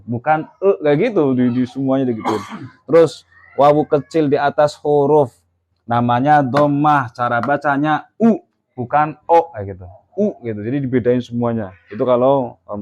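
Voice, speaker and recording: A man teaching a class on Arabic letter pronunciation in a mosque, patiently explaining and counting out beats as he drills the sounds. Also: medium pitch. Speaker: Quran reading teacher. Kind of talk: classroom lesson.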